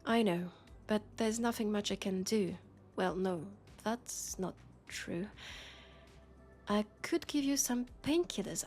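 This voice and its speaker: A woman with a French accent voices a worried, exasperated police colleague and roommate in an intimate sci-fi audio roleplay. Her mid-range voice is soft and hesitant, and her mood comes across as concerned and gentle.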